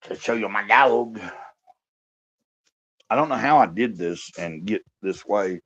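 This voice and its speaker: A man's voice: lively intonation, unhurried, a bit bright. A man chatting casually on a livestream from his bed at home, rambling loosely. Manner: rambling, talks to his dog in a high coaxing voice. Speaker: livestream host. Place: indoors, lying in bed at home. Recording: dull lo-fi livestream audio.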